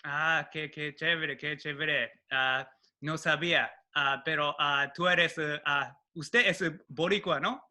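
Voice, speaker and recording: A man hosting an interview, asking questions haltingly with many "ah" fillers. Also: fairly high pitch, steady tone. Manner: halting, many "ah" fillers, soft murmured replies. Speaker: host.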